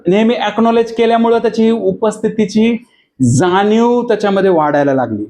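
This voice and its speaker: A man's voice: high voice, moderate pace, darkish tone, a little hiss or hum, rough recording. A male pastor with a Marathi accent preaching a sermon, mixing in English phrases and often checking that listeners understand.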